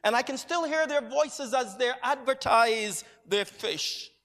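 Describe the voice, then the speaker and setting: A preacher from Barbados with a high-pitched voice gives a measured, reflective sermon. His tone is bright and ringing, echoing with a long reverb through the church sanctuary.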